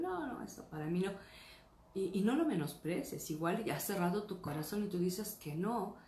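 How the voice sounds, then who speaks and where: A woman's voice: lowish voice, a little mellow, a little hiss or hum. A woman pastor gives an earnest teaching sermon, often checking in with her listeners. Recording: roomy echo, faint ambience.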